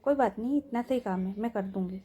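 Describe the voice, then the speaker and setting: A woman voicing a meek, quietly stubborn young woman in a story. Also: medium pitch, quick pace, slightly rough, lightly acted. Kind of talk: storytelling role-play.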